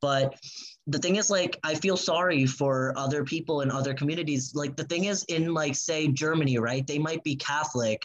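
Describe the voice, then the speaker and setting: A young woman who grew up in the United States, chatting casually and telling a story with animated quoted voices. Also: sits low, moderate pace, rough recording. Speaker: guest. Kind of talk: casual chat.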